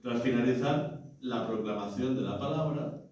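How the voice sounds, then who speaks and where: A man instructing parish readers in a relaxed teaching talk, acting out the readings aloud and often checking that his listeners follow. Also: mid-range voice, normal speed. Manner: explains by acting out readings, frequent "¿vale?" and "¿no?" checks. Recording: very echoey room, mic far off.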